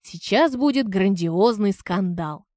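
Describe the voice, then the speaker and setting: A woman reading an audiobook, voicing a calm, ironic young man who speaks in a measured way. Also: mid-range voice, no echo, clean studio sound. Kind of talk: audiobook character voice.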